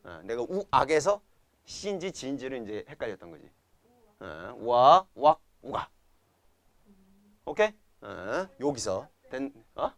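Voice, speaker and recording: A man's voice: mid-range voice, big pitch swings, a little slow, long pauses, a bit bright, no room sound. A young man teaching science to a class, constantly checking understanding with quiz questions and chanting memory tricks. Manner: keeps quizzing students with repeated questions. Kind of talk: classroom lecture.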